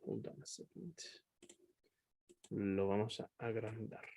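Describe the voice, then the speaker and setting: A man's voice: fairly low pitch, slow, creaky, dark tone, slight background noise. A man teaching a class over a video call, explaining patiently, often checking understanding and switching between two languages. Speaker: English teacher.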